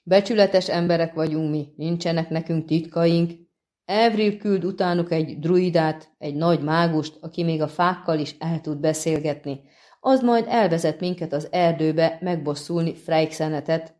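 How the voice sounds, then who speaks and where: A woman's voice: low-pitched, dark tone, natural voice. A woman voicing a coarse, leering male bandit leader with crude, sneering talk.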